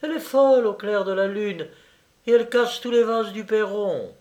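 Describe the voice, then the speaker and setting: A man voicing the younger of two sisters, a playful, excitable young woman, in a storybook reading. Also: sits high, normal speed, pitched above the performer's own voice, lightly acted.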